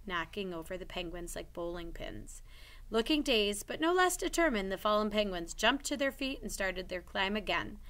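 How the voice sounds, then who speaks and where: Bright-voiced woman reading a storybook. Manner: expressive, voices characters' lines higher. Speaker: teacher reading aloud. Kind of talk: reading a children's novel aloud.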